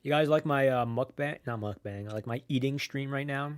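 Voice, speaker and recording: A male streamer talks into a desk microphone in a loose, rambling way, swearing freely and padding his sentences with "like." He chews and munches on snacks between words, and his voice sits at a middle pitch. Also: brisk, clear, resonant tone. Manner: rambling, profane, full of "like" and restarts; chews and munches while talking. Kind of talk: casual live-stream chat.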